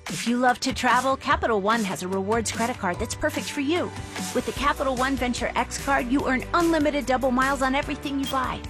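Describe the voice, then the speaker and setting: A woman's voice: high voice, moderate pace, music in the background. Polished female ad announcer. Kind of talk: scripted ad read.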